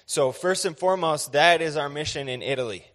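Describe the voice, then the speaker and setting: A man's voice: on the high side, fairly quick, a bit bright. An American man in his thirties giving a church missions presentation, earnest and conversational with many fillers. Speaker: missionary speaker. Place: church sanctuary. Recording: echoey hall with long reverb.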